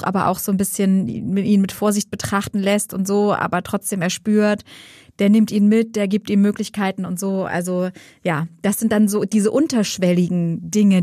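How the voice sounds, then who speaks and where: A woman talks about novels with her co-host in relaxed conversation, musing and circling her thoughts with frequent tag questions. Her voice sits at a middle pitch and the sound is dry and close, with no room around it. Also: moderate pace, no room sound. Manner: musing, thinks aloud with many tag questions. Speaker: book podcast co-host. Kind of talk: casual book discussion.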